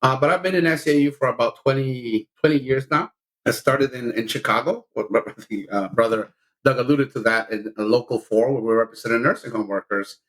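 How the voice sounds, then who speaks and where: A man's voice: medium pitch, brisk, a bit bright, low-quality recording. A middle-aged man from El Salvador, a union leader speaking as a guest on a podcast with earnest conviction. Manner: earnest, impassioned about justice. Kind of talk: podcast conversation.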